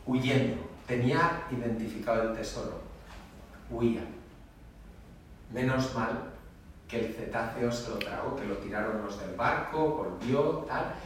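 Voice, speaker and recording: A man's voice: medium pitch, unhurried, long pauses, slight background noise. A man, a priest, giving a homily in an emphatic, conversational preaching style. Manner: emphatic, conversational preaching with dramatic quoted voices. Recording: echoey church from far off.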